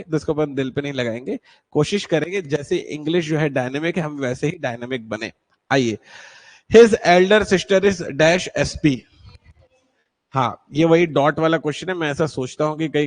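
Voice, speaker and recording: A man teaching an online class, patiently quizzing students and checking whether anyone is struggling. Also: a little high. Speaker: exam-prep English teacher.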